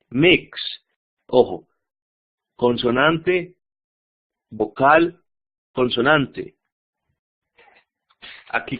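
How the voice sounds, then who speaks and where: A man teaching a grammar lesson slowly and patiently, repeating each example and checking that students follow. His voice comes through thin, phone-like audio. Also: medium pitch. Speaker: English teacher.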